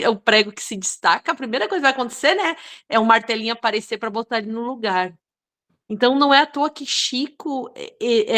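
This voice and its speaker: A Brazilian woman taking part in a spiritual study group offers a reflective spoken contribution, often adding tag questions. Her voice is fairly high and fairly bright.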